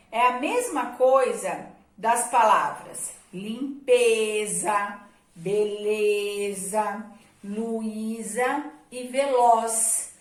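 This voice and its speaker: A woman teacher, giving an online spelling lesson and drawing out each example word. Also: on the high side. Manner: drawn-out, stressed example words. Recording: echoey room.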